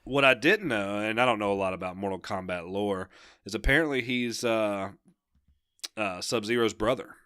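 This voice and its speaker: A man's voice: on the low side, normal speed, bright, forceful tone, smooth, no room sound, studio quality. A young man co-hosting a casual gaming podcast, rambling and enthusiastic, laughing often. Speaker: podcast co-host.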